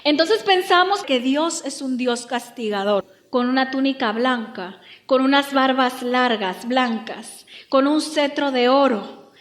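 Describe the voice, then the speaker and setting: A woman pastor preaching a lively, humorous sermon. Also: high voice, unhurried, roomy sound. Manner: lively, humorous, acts out quotes.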